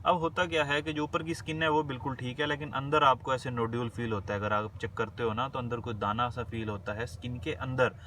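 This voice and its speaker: Man lecturing, reading definitions slowly. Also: mid-range voice, fairly even intonation, sharp tone, distant mic, a little hiss or hum. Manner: reads English definitions slowly, then explains them casually in Hindi. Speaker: medical lecturer. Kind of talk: explanatory lecture, Hindi with English terms read out slowly.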